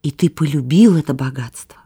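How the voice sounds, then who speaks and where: A woman explains things patiently to a child in a children's Bible program. Her voice is fairly low and mellow, with a husky, breathy grain. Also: fairly quick.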